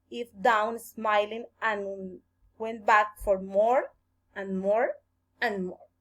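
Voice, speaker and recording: Slow, expressive woman reading a children's story. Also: a little high.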